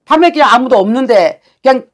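A woman's voice: high voice, lively intonation, fast talker. A woman shaman giving a fortune-telling session, talking bluntly and scolding with coarse words.

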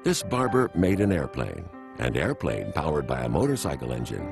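A man reading scripted documentary narration in a measured, even way. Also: extremely low pitch, creaky. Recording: faint music behind.

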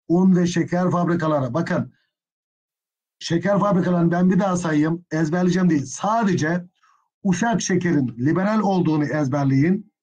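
Male history teacher, husky and fairly high, dull lo-fi class audio, indignant asides. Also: darkish tone. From Turkey. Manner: addresses students as friends, gets openly indignant. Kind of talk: exam prep history lecture.

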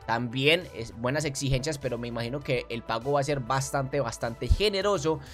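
A young man casually talking viewers through a website from his desk, animated and friendly, calling them family. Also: mid-range voice, normal speed, soft background music. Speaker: crypto YouTuber. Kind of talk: casual commentary over screen share. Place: small room at desk.

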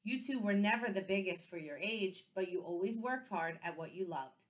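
A woman teacher voicing a patient mother of twin boys, speaking gently and softly in a storybook read-aloud. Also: mid-range voice, animated, normal speed, close to an everyday voice. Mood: fond. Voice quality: gentle, soft-spoken.

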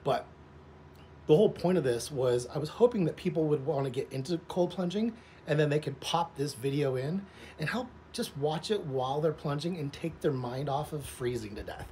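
A man's voice: on the high side, animated, normal speed, a little mellow. A man in his forties talking casually and in a rambling, informal way, as a vlogger speaking to camera outdoors. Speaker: vlogger, social media content creator. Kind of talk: casual vlog chat to camera. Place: outdoors, in a pool. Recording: clearly noisy outdoor ambience.

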